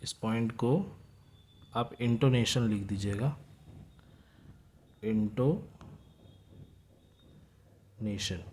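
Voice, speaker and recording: A young man teaching from study notes in a casual lecture style, explaining at a conversational pace and slowing down to read English lines. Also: mid-range voice, fairly even intonation, darkish tone, a little hiss or hum.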